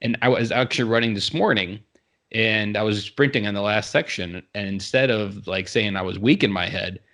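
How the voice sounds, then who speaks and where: A man's voice: fairly low pitch, normal speed, a bit bright. A man in his thirties, a podcast guest, telling his story in an earnest, reflective way. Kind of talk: casual interview conversation.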